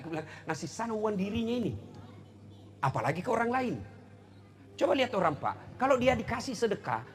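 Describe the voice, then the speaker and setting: Lively male preacher. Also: fairly high pitch. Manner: acts out quoted dialogue, animated storytelling. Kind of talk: humorous sermon.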